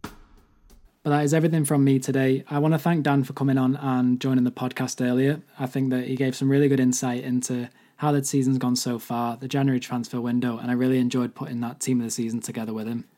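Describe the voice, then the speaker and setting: Hoarse male football podcaster, evenly pitched. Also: level tone, fast talker, warm tone. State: hoarse, voice mostly lost. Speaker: podcast host. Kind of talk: solo football podcast commentary.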